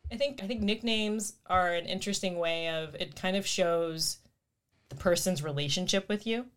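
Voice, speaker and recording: A woman's voice: lowish voice, normal speed, fairly bright tone. A woman in her thirties co-hosting a casual chat with her cousin, chatty and laughing often. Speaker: podcast co-host.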